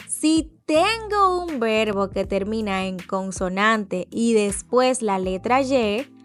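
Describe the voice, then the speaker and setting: A woman teacher explains grammar at an unhurried pace, her voice sitting a little high. She repeats example words twice and spells out patterns letter by letter. Soft music plays faintly behind her. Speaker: English teacher. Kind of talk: slow explanatory lesson.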